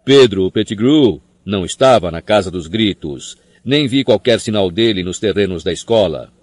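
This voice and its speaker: A man's voice: on the low side, animated, normal speed, darkish tone, no room sound. A man doing a sneering cold professor. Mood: contemptuous. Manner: sneering, snarling. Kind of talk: audiobook character voice.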